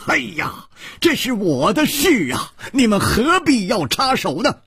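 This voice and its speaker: A man's voice: on the high side, huge pitch swings, moderate pace, breathy edge, no echo, studio quality, voice pushed up, full character voice. A man doing a tense, stubborn young swordsman. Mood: anxious. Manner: urgent, pleading and insistent. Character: anxious, stubborn pale young male swordsman.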